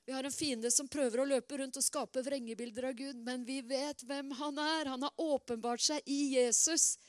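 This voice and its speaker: A middle-aged woman preaching a sermon in a lively, conversational way, with many asides and repeated words. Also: high-pitched, dry recording, studio quality.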